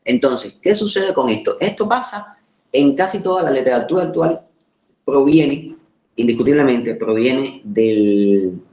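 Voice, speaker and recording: A man from the Caribbean with a Caribbean Spanish accent gives an informal lecture, pausing to search for words and repeating phrases for emphasis. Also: medium pitch, expressive, a little mellow, dull audio. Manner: emphatic repetition for rhetorical effect, halting word searches. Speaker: course lecturer. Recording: roomy, echoing sound.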